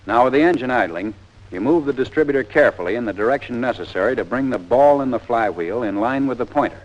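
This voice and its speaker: Narrating a 1940s training film, this American man uses a mid-range, expressive voice at a quick pace. His delivery is plain and methodical, step by step, over a dull, lo-fi period soundtrack.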